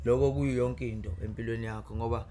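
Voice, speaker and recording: Fast-talking Zulu man, chatting as a guest. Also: medium pitch, steady tone, over a noisy crowd. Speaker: guest, poet. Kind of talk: conversational interview storytelling.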